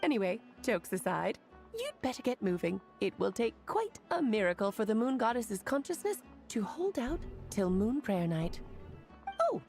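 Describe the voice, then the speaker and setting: A woman's voice: a little high, sing-song, moderate pace, darkish tone. A woman voicing a playful, self-assured, doting mage mother in a video game. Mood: breezy, teasing. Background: music.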